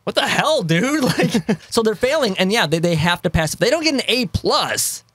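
A man hosting a casual movie podcast, talking animatedly with frequent swearing and quick laughs. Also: high voice, sing-song, breathy edge, no room sound. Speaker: podcast host. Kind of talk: casual chat.

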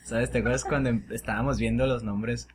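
A man's voice: mid-range voice, fairly even intonation, a little fast, slight background noise. Laid-back Mexican man with crude slang. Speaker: podcast co-host. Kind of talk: casual chat.

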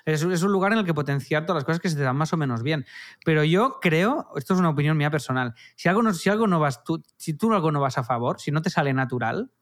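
A man's voice: a little high, fast talker. A man, a comedian chatting enthusiastically on a podcast. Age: 30s. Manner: enthusiastic, animated storytelling. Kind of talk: casual podcast chat.

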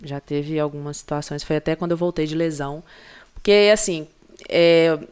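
Woman, Brazilian Portuguese accent, young adult, podcast guest, athlete, animated storytelling, acts out quotes. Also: low voice, normal speed, smooth. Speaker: guest, professional handball athlete. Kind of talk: casual podcast chat.

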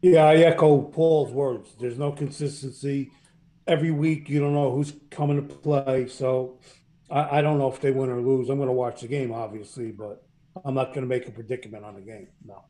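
A man's voice: medium pitch, steady tone, normal speed, warm tone. A man on a casual sports talk panel, plain-spoken and teasing his co-hosts.

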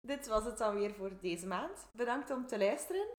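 A woman's voice: fairly high pitch, very animated, moderate pace, reverberant. Dry, matter-of-fact Flemish young woman. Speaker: podcast co-host. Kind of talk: casual chat.

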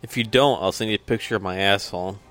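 A man's voice: lowish voice, quick pace, a bit bright, soft background music. A drunk man co-hosting a podcast, rambling and swearing through stories in casual banter. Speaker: podcast co-host.

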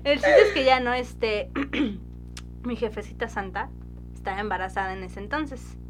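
A young woman with a Mexican accent telling stories in a casual podcast chat, slangy and quick to laugh and tease. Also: on the high side, lively intonation, faint music behind. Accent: Mexican Spanish. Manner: slangy, laughs often, quick teasing interjections. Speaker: podcast co-host.

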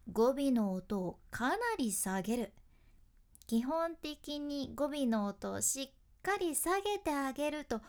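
A woman with a who works as a freelance announcer, giving a chatty, upbeat speaking lesson with frequent laughter. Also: fairly high pitch. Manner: chatty and upbeat, laughing often while explaining. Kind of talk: casual spoken lesson.

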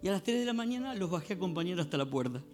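A male pastor, preaching a sermon in a church with animated storytelling and questions to the congregation. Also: high voice, racing, faint music behind. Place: church sanctuary.

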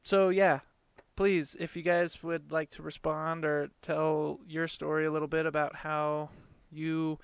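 Clear, higher-voiced man podcasting in his twenties. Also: little pitch movement, measured pace, dry recording. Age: late 20s. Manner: informal, earnest, conversational with swearing. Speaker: podcast host. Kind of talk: casual solo podcast monologue. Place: small closet.

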